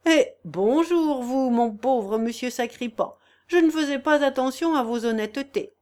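A woman reading aloud plays a jovial carpenter, boisterous and affectionate with everyone. The voice is rather high for the part and moves lively up and down. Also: a little slow. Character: jovial hearty male carpenter.

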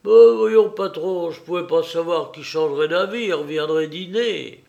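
A man voicing an eager, nervous young male accomplice who speaks loudly and deferentially in an audiobook reading. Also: on the high side, measured pace, vocal fry, dull audio, voice pushed up. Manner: excited, loud, deferential.

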